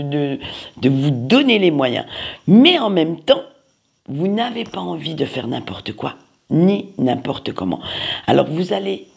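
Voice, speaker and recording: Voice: medium pitch, gravelly, husky. A card reader giving a playful, chatty weekly reading, talking straight to viewers, often searching aloud for words and tagging lines with "hein". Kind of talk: weekly tarot and oracle reading video.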